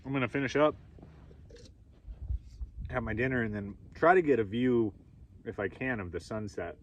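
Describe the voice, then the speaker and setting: A young man casually narrating a camping vlog outdoors, rambling and relaxed as he eats. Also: medium pitch, moderate pace, slight background noise. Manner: relaxed, rambling, talks while eating. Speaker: camping vlogger. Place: outdoors at a mountain campsite.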